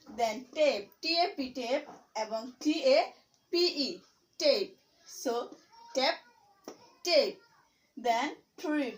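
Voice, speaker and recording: A woman from Bangladesh, teaching English pronunciation by spelling out letters and repeating each word slowly. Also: high voice, low-quality recording. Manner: slow, deliberate spelling and repetition.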